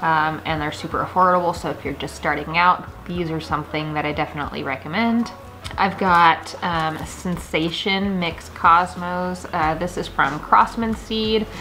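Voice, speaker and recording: Showing seed packets to the camera, a thirtysomething gardening vlogger chats casually and with enthusiasm from her kitchen at home. She speaks at a normal speed in a lowish voice with a sharp tone.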